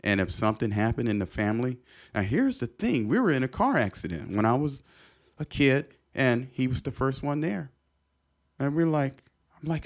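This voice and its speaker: A middle-aged man telling a personal story as a podcast guest, earnest and repetitive, often restarting his sentences. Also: medium pitch.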